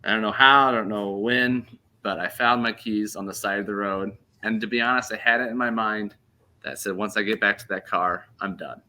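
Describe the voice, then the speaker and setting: Guy in his 30s telling a story on a podcast, lowish voice but bright and punchy, laughs a lot. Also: steady tone, normal speed. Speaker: podcast host. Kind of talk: casual storytelling.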